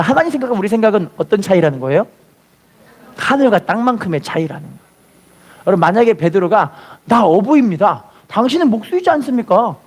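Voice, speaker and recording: A man's voice: high voice, a little mellow, breathy edge. A man preaching a sermon as pastor, telling a story and acting out its voices, then leading the congregation to repeat after him. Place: church.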